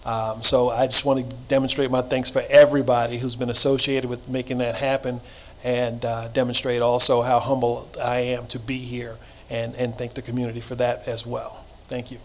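A man's voice: medium pitch, level tone, moderate pace, few pauses. A man chairing a school board meeting, speaking in a plain, procedural way.

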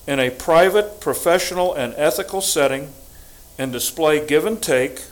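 Older man, formal public statement, fairly high voice, deliberate and emphatic. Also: poor audio. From United States. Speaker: public commenter at school board meeting.

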